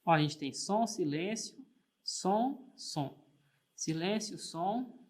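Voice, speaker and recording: Speaking slowly and expressively, a man with a high, somewhat mellow voice leads an online music theory lesson. He encourages the learner patiently, checks in often, and sustains single sung notes as he claps out the beat.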